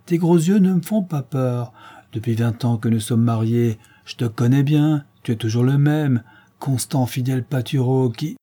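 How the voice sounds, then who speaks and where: A man's voice: mid-range voice, brisk, hardly any pauses, slightly rough, close to an everyday voice. A man voicing a shrewish scolding wife. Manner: sharp, scolding. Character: shrewish middle-aged baker's wife.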